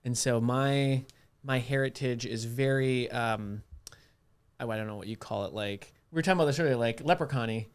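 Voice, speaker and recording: A podcast host with a medium-pitched, smooth voice talks at a normal speed, casually spinning animated stories in loose, slangy language.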